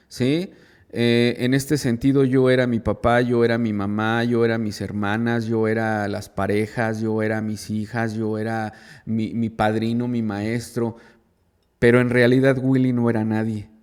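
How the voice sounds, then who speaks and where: A man's voice: on the low side, darkish tone, clean tone. A man, a psychologist giving an informal radio talk to a group, who often repeats and restarts phrases, asks emphatic rhetorical questions and checks in with his listeners. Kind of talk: informal lecture to a recovery group.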